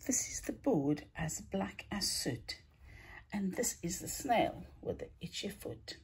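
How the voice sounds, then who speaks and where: A woman reading a rhyming children's picture book aloud in a theatrical, deliberate way, stretching words and hushing the ends of lines. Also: mid-range voice, lively intonation. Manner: theatrical, deliberate storytelling with drawn-out words and breathy hushed line endings. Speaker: storybook reader, teacher.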